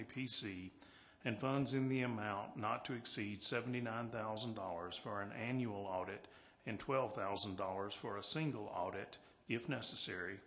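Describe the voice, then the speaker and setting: A man's voice: fairly low pitch, creaky, a bit bright. A man, a city councilor, formally reading out a resolution. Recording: reverberant hall, faint background noise.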